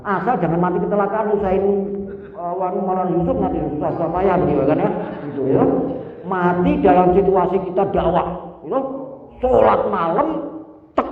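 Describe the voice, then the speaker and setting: An older man preaches in a lively, joking manner and keeps calling out questions to his listeners. His voice sits fairly high and swoops widely. He is heard from far off in an echoey hall through a thin, phone-like sound. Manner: lively, jokey, questions the audience. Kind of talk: sermon.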